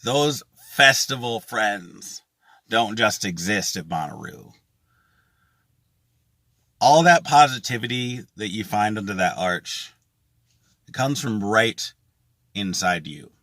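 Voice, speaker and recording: A man's voice: fairly low pitch, lively intonation, takes it slowly, pauses often, sharp tone, no room sound. A man speaking casually and earnestly to his viewers as a music festival vlogger, with emphatic phrasing. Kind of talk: casual to-camera vlog.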